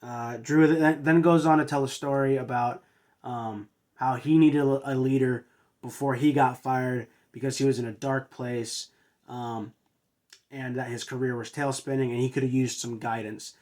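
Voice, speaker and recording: A man at a mid-range pitch, casually recapping events for his own review show. He talks in a halting, unpolished way, filling gaps with uhs and restarting sentences. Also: steady tone, darkish tone. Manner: hesitant, filler-heavy with frequent uhs and restarts. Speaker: wrestling show reviewer and host.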